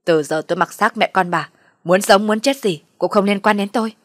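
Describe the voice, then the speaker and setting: A woman voicing a furious older father-in-law who shouts at his son. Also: medium pitch, a little fast, close to an everyday voice. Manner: loud angry shouting.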